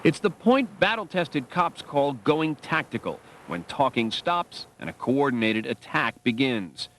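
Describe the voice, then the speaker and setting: A man's voice: mid-range voice, animated, measured pace, fairly bright tone, a little hiss or hum. A man narrating a documentary from a dramatic script.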